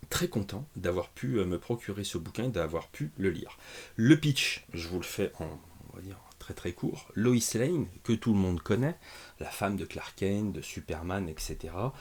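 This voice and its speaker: A man hosts a laid-back comics review from his small home setup, full of asides, fillers and self-deprecating jokes. His voice sits on the low side with a husky grain. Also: a little mellow. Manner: jokey, self-mocking, lots of fillers and asides. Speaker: comics reviewer, channel host. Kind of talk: casual video review. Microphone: camera mic in small home studio.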